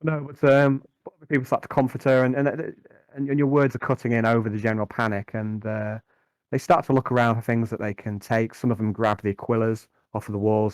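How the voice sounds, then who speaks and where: A man narrating a tabletop game as game master, improvising in a conversational, halting way and often repeating words. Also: on the low side, darkish tone, clean tone, no echo.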